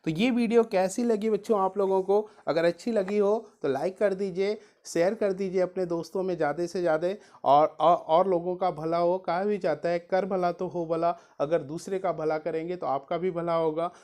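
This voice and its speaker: A woman's voice: on the low side, fairly even intonation, moderate pace, few pauses, mellow. Lady physics teacher going thru what to study, keeps saying okay, calls everyone dear students. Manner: mixes English physics terms into her talk; lists topics, stressing what is important. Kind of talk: exam study-guide lesson.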